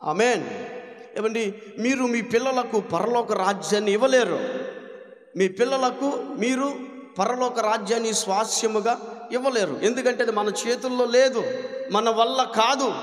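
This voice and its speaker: A man's voice: very high-pitched, unhurried, long pauses. A man preaching a fervent sermon as pastor, calling out hallelujahs between points. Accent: Telugu. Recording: echoey hall with long reverb.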